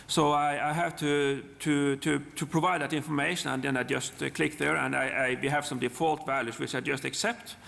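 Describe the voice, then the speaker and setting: Creaky-voiced Norwegian man, halting presenter. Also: on the high side, steady tone, fairly bright tone. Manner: halting, repeats words and restarts often. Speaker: software presenter. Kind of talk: live technical demonstration talk. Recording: long hall reverb.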